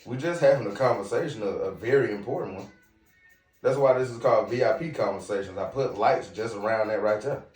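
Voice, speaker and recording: A man's voice: lowish voice, brisk, darkish tone, recorded from a distance. A man with a slight Southern US twang hosting a casual podcast monologue in a hookah lounge, brash and lecturing, speaking straight to his viewers. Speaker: podcast host. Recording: roomy, off-mic with music behind.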